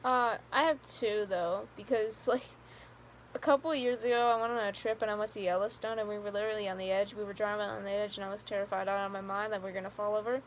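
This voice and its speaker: On a live stream, a fifteen-year-old girl talks fast in a medium-pitched voice with fairly even intonation. She's a giggly, rambling storyteller who says "like" constantly and uses lots of fillers while chatting casually with viewers. A little hiss or hum is audible.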